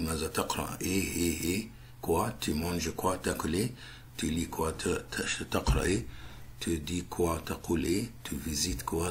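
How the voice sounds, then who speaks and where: Deep-voiced Egyptian male teacher. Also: slight background noise. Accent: Egyptian Arabic. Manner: repeats each word and then translates it. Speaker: French teacher. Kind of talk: explaining a language lesson.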